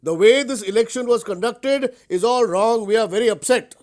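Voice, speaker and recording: A man's voice: extremely high pitch, moderate pace. A man with an Indian accent playing an indignant, self-important political spokesperson in a satirical mock news interview. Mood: aggrieved. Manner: indignant, deadpan, insistent.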